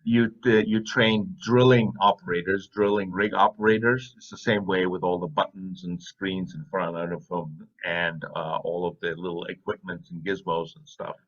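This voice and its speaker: A man in his fifties, raised in Saudi Arabia, telling his life story as an interview guest in a relaxed, chatty way. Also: low-pitched, moderate pace, hardly any pauses, lo-fi sound. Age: 50s. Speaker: podcast guest. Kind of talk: casual interview chat.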